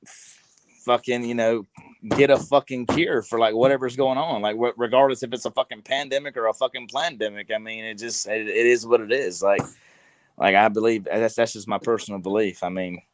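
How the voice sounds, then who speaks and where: A man's voice: medium pitch, fairly even intonation, fairly quick, no room sound. Rambling, swearing man in his twenties. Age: 20s. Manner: rambling, heavy with fillers and swearing. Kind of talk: casual podcast chat.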